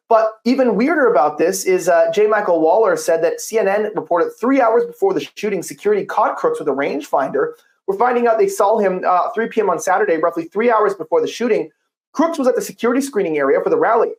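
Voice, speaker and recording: A man's voice: high-pitched, expressive. A man giving casual, skeptical political commentary and reading an ad. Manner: skeptical, conversational, quick asides.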